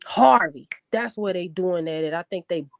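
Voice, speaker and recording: A woman born in Florida and raised in Chicago chats casually as a guest, her Chicago accent carrying a Southern tinge. Her voice is fairly low with vocal fry and a moderate pace, and there's slight background noise. She laughs often and repeats words as she gets going.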